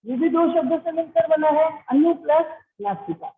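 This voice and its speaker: Teaching Hindi online, a woman uses a high, expressive voice at normal speed, asking her students questions, addressing them as "beta," and explaining with patience. The echoey, phone-like class audio carries a little hiss or hum.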